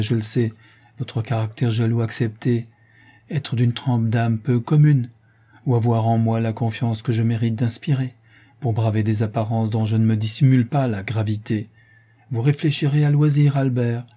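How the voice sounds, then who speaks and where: Soft but firm young fiancée, read by a man, mellow husky tone, dead serious. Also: mid-range voice, lightly acted. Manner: soft yet resolute, solemn.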